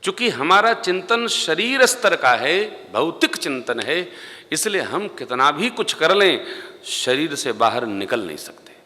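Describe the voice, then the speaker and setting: A man giving a devotional sermon in a large temple hall, speaking slowly and emphatically into a stage microphone and singing scripture verses. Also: a little high, big pitch swings. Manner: slow, emphatic, rising to loud stressed phrases. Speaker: Ram Katha preacher. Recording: long hall reverb.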